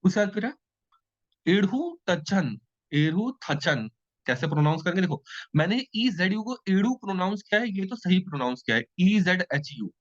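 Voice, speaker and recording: A man's voice: high-pitched, a little fast, dry recording. A man teaching an online exam-prep lecture in a playful way, checking in with his students often. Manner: lively, playful teaching with frequent check-ins. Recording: dull lo-fi dry sound.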